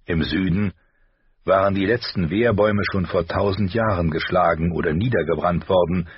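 A man narrating an audiobook in a measured, grave storytelling manner. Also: sits low, breathy edge, no room sound, lo-fi sound. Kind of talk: scripted narration.

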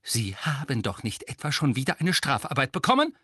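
A man's voice: medium pitch, wildly swooping pitch, fairly quick, sharp tone, breathy edge, no echo, studio quality, full character voice. A man voicing a stern, strict older woman teacher with a clipped manner, in an audiobook.

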